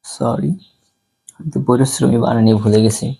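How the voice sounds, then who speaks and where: A man with a medium-pitched, steady, mellow voice that is creaky with a breathy edge teaches English vocabulary at a moderate pace. In slow repeat-after-me drills, he patiently says each word several times for students to copy.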